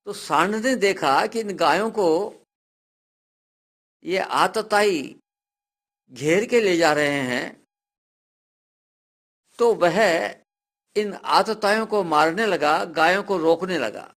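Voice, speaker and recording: A man telling a devotional folk tale. He narrates dramatically and builds up to loud, cried-out passages. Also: high voice, takes it slowly, long pauses. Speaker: storyteller.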